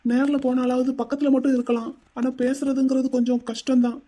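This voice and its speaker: A man voicing a young cartoon man, earnest, guilt-ridden, high-pitched. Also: level tone, fairly quick, mellow. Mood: troubled. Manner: earnest, distressed. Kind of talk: animated drama voice acting.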